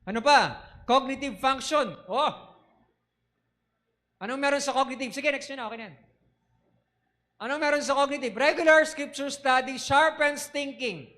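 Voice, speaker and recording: High-voiced man preaching animatedly. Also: moderate pace, pauses often. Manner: animated preaching, mixing Tagalog and English, asking the audience questions. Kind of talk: sermon.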